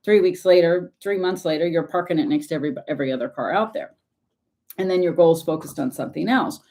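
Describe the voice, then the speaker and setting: A woman's voice: on the low side, fast talker, warm tone. Woman coaching with emphatic earnestness. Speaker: success coach. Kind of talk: motivational coaching talk.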